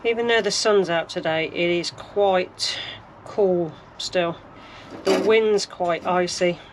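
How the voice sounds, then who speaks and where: In a lowish voice and at a slow pace, a woman from the UK casually narrates her sowing as she works in an allotment greenhouse. A gardening vlogger, she stays chatty and practical and thinks aloud, against a noisy background.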